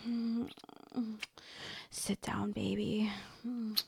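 A woman's voice: fairly high pitch, expressive, slow pace, no room sound, heavily acted. A woman playing a jealous, lovestruck young woman. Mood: intimate, breathy. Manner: soft, intimate, addressing the listener directly. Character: jealous young woman confessing love to a friend. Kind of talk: audio roleplay to a listener.

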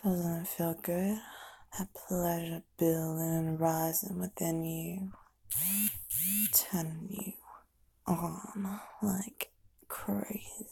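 A woman doing a whispered ASMR hypnosis, speaking in a slow, soft, unvoiced whisper as she counts down. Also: lowish voice, gravelly, slight background noise. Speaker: ASMR performer.

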